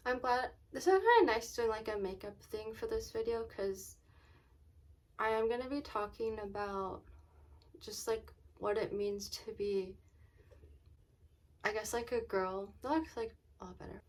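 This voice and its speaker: A woman chatting casually in a vlog, often saying "like" and "um" and pausing to think aloud. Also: a little high. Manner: says "like" and "um" very often as filler; halting, thinking aloud, trailing off mid-sentence. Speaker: vlogger.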